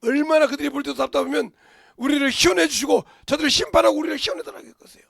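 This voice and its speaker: A middle-aged male pastor preaching a sermon in a church, dropping to whispers and bursting into shouts. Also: very high-pitched, rapid-fire, creaky, no room sound, studio quality. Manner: swings from hushed whispers to sudden shouts. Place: church sanctuary.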